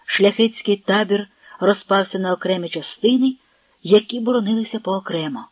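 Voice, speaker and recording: A narrator reading a historical novel in a measured, dramatic way. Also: medium pitch, no echo, highs cut off.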